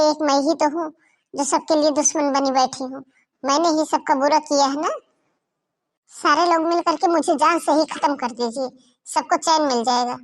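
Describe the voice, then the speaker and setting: A scolding, sarcastic old grandmother from a cartoon moral story, voiced by a woman. She taunts and complains in a high, gravelly voice. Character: nagging sarcastic old grandmother, mother-in-law.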